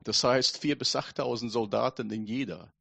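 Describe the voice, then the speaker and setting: A man preaching a sermon, reading scripture aloud and sinking to a hushed voice for emphasis. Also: medium pitch, moderate pace, gravelly, husky, dry recording.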